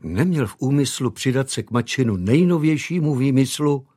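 A man reading an audiobook as narrator, measured and expressive. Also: medium pitch. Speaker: audiobook reader. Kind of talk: scripted narration.

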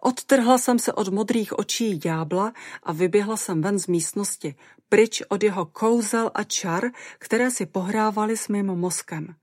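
A woman narrating a first-person audiobook in a lively, expressive way. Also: medium pitch, dry recording, clean studio sound.

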